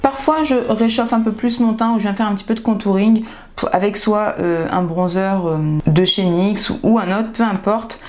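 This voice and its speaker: A woman talks through her makeup routine in a relaxed beauty-vlog chat, her voice still groggy from the morning. She is candid and chatty, often breaking off mid-thought and starting over. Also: mid-range voice, normal speed. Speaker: beauty vlogger. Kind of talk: casual makeup tutorial.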